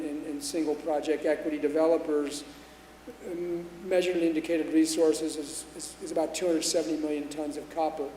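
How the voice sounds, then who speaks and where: A man speaking on a conference panel in a fairly high, flat voice, piling up facts and figures with plenty of ums and restarts. His tone is dark and mellow, and the sound carries the long, roomy reverb of a large hall with faint ambience underneath. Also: slight background noise. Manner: dense, fact-heavy delivery with frequent fillers and restarts. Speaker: panelist, commodities consultant. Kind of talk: panel presentation.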